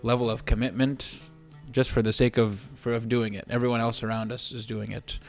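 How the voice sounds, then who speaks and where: Brisk and mid-range in pitch, this young man in his twenties speaks as a physical therapist guest on a podcast over soft background music. His casual talk stays earnest and steady, broken now and then by a restart.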